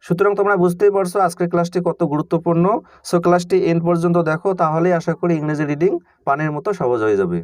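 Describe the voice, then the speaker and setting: A man's voice: fairly high pitch, fast, darkish tone, no echo, clean studio sound. A man teaching an online lesson, spelling words letter by letter and then pronouncing them, while speaking directly to his students. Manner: addresses students informally and directly. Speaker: English reading teacher.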